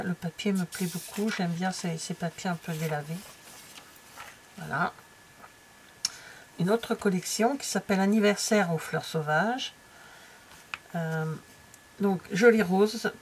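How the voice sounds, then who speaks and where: Flipping through a stamping catalogue, a middle-aged craft vlogger from France chats casually and hesitantly, with many fillers, trailing asides, and moments of near-whispering. Her voice is mid-range, and there is a little hiss or hum.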